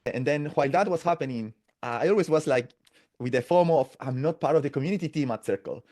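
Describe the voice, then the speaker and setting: A Latin American podcast guest in his forties, whose first language is Spanish, tells stories in a casual interview. His somewhat high voice is a little mellow, and he's chatty but halting, restarting often and tagging phrases with "no?" and "right?".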